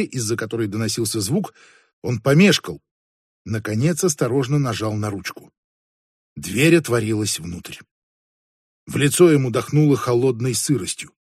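Husky male audiobook narrator. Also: mid-range voice, a little mellow, dry recording, clean studio sound. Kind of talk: scripted narration.

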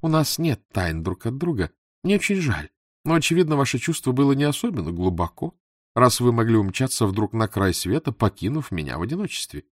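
A man's voice: medium pitch, sing-song, a little fast, dry recording, studio quality. A man reading the part of a young married woman who speaks to an old suitor in a cool, distant, politely dismissive way.

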